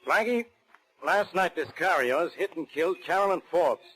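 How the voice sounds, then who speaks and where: An actor playing a gruff, irritable police inspector in a 1940s radio crime drama, commanding and accusatory. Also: male voice, on the high side, animated, normal speed, fairly bright tone, faint music behind, rough recording. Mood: accusing. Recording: vintage 1940s radio recording.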